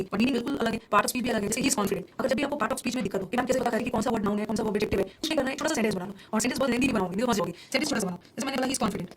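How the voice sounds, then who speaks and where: A woman's voice: a little high, noisy background. A woman teaching English vocabulary in an exam-prep lesson, explaining patiently and repeating key words.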